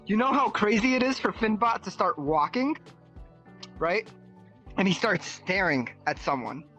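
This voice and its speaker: An excitable speaker spinning a story over voice chat in a VR world, tone bright and forceful. They swear freely and keep asking "right?". Faint music sits in the background. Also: medium pitch, measured pace, poor audio. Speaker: visitor telling a story. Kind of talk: animated storytelling.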